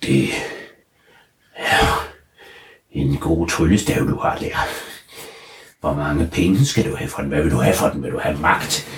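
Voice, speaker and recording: Evil wizard, voiced by the male narrator; greedy, gloating, croaks like a toad in a kids' story. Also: extremely low pitch, long pauses, a little hiss or hum, pitched below the performer's own voice. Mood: wheedling. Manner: bargaining, then cackling and croaking.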